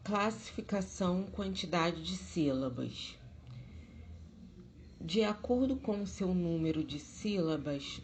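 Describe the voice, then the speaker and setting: A woman teacher with a Brazilian Portuguese accent giving a recorded distance-learning lesson, slow and careful, stressing syllables loudly. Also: lowish voice.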